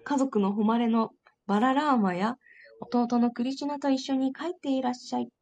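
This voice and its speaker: A warm-hearted storybook mother calls fondly after her wandering little boy, as a woman reading the tale does her voice. The voice sits high and lifts even higher into sweet, coaxing calls. The coaxing runs gently through every line. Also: moderate pace. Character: loving, doting mother calling her young son home.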